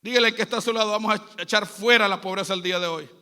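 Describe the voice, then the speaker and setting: High-pitched, bright-voiced preaching man. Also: rapid-fire, smooth. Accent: Central American Spanish. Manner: exhorting, repetitive preaching cadence. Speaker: pastor. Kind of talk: sermon.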